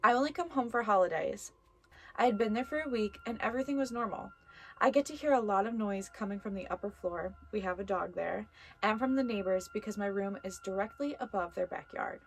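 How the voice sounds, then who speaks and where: The host of a haunted doll video speaks at medium pitch and a little fast, with a slight hiss or hum in the recording. She keeps things casual and chatty, reading stories and addressing viewers and nearby things playfully.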